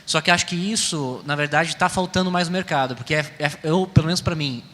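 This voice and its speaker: A man's voice: a little high, a little fast, fairly bright tone. A man with a Brazilian accent talking informally as a panelist in a discussion. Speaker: panelist, type consultant. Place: round table in a reverberant hall. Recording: echoey hall, faint ambient noise.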